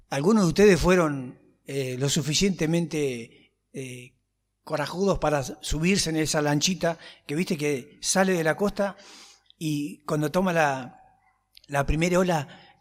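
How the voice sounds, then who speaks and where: A man with a Rioplatense Spanish accent preaching a sermon, reading scripture and telling stories with humorous asides. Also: on the high side. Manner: conversational storytelling with humorous asides. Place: church hall. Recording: long church reverb.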